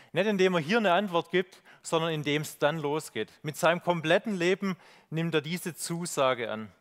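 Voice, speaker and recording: A man preaching a reflective sermon with slides, pausing on fillers and asking rhetorical questions. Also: fairly high pitch.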